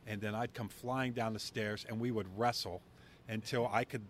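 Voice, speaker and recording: A man's voice: on the low side, fairly even intonation, normal speed, slight background noise. A man hosting a podcast, chatting candidly and laughing easily in an outdoor courtyard. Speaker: podcast host. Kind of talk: casual conversation.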